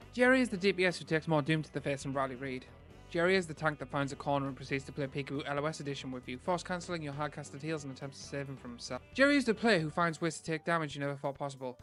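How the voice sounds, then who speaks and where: Guy, high quick voice, sarcastic and crude, soft music behind. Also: expressive. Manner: crude, sarcastic, rapid-fire jokes. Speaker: gaming video host. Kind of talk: scripted comedic voice-over.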